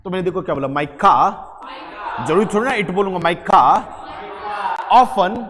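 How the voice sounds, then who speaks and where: A man teaching an English grammar lesson to a class, lively and quizzing his students with repeated questions. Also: high voice, normal speed, in a large hall, a crowd in the background. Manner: lively, quizzing students, calls them beta.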